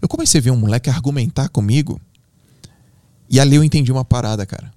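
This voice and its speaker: A man's voice: mid-range voice, quick pace, warm tone, no echo, clean studio sound. A man from Brazil with a Brazilian accent, a podcast guest telling emotional stories in a slangy, acting-out way. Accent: Brazilian Portuguese. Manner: emotional, acts out voices, slangy. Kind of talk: animated storytelling in conversation.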